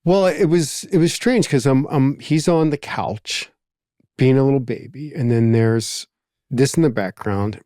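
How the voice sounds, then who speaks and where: A man's voice: medium pitch, measured pace, warm tone, no echo. Reflective Philadelphia man, dry sound. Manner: reflective, rambling, many asides and fillers. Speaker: podcast host. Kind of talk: casual conversation.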